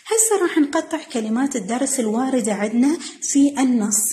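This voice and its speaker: A woman with an Iraqi Arabic accent, teaching a recorded phonics lesson to young children, drilling syllables slowly in a sing-song way and stretching the sounds. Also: sits high, animated, dark tone. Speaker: primary school teacher.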